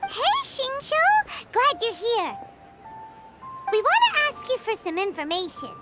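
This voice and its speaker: A tiny floating fairy girl from an anime game, extremely high and squeaky. The childlike voice bounces all over in pitch and is full of exclamations, with prominent music underneath. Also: huge pitch swings, unhurried, heavily acted. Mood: eager, excited. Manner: exclamatory, speaks of self in third person. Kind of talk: anime-style video game voice acting.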